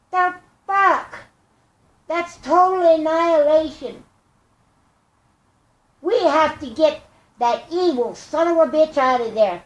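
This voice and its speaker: An older woman with a squeaky, chipmunk-like helium voice, speaking earnestly and haltingly in a rambling personal monologue. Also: muffled recording. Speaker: vlogger. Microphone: tablet microphone. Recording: echoey room.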